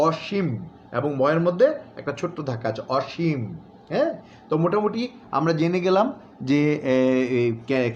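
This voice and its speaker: A man from Bangladesh teaching pronunciation, repeating example words slowly and deliberately between frequent filler sounds. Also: medium pitch. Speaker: recitation and newsreading instructor. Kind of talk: pronunciation lesson. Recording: dull, slightly noisy home recording.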